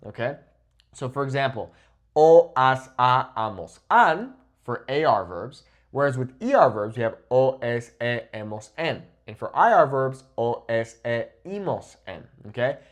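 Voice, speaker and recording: A man in his thirties with a mid-range, very animated voice teaches a language lesson to camera at a normal pace. He's a Spanish teacher, emphatic and didactic, often checking in with the listener and switching between English and Spanish examples. He stands indoors in front of a whiteboard, recorded on a lapel mic clipped to his shirt.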